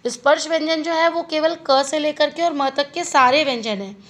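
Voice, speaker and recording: A woman teaching a grammar lesson, asking questions and answering them herself as she repeats each term slowly. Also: sits high, a bit bright, low-quality recording.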